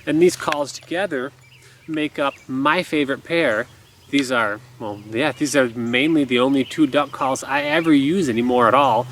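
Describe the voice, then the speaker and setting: A man in his thirties talks through a hands-on lesson in an easygoing, explanatory way. His pitch is average and his delivery casual. He is recorded outdoors on a camera a few feet away, with light background noise and ambience. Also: normal speed, a bit bright. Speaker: duck call instructor. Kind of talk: casual instructional talk. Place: outdoors in a garden by woods.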